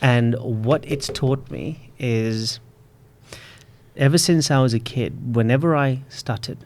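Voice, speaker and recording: A man in his late thirties with a stutter, repeating word starts, speaking slowly and reflectively as a podcast guest. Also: mid-range voice, darkish tone, a little hiss or hum. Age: 30s. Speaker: public speaking coach. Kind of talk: podcast interview.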